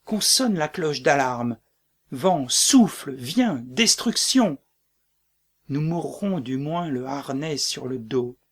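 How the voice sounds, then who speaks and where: A man's voice: mid-range voice, unhurried, hardly any pauses, slightly rough. A man reading a doomed, defiant tyrant king. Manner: brooding, bursts into shouts. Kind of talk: dramatic reading of a play.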